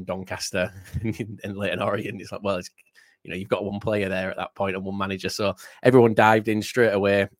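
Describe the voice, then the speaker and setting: A man's voice: lowish voice, dry recording, studio quality. A British man hosting a podcast in casual chat, rambling and often repeating his words as he starts sentences. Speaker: podcast host.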